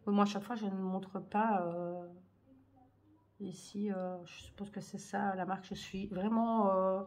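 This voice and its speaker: A woman's voice: medium pitch, level tone, unhurried, darkish tone. A woman chatting hesitantly in a craft haul vlog, full of fillers and gushing over cute items. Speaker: scrapbooking haul vlogger. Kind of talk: casual show-and-tell chat.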